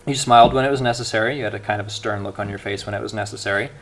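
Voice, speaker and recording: Earnest young man with a gravelly voice. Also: lowish voice, fairly even intonation, very fast, fairly bright tone. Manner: earnest, restarts often. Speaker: speech evaluator. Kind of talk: speech evaluation.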